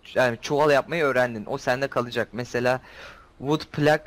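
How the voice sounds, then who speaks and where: A man's voice: mid-range voice, fairly even intonation, a little fast. A man playing along with a friend, casually and patiently explaining each step of the game. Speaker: co-player guiding the host. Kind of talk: casual gaming chat.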